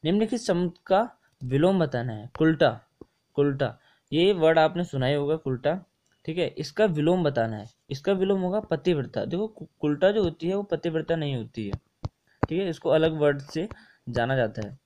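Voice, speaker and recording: A man's voice: on the high side, lively intonation, normal speed, a little mellow. A young man tutoring for a Hindi exam in a casual, repetitive way, often mixing English words into his explanations. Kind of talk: casual screen-share lesson explaining test answers.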